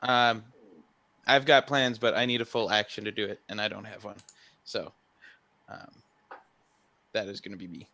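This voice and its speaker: A man's voice: lowish voice, fairly even intonation, normal speed, pauses often, pushed and bright. A man playing in a tabletop role-playing game, talking in a casual, offhand way. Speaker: player.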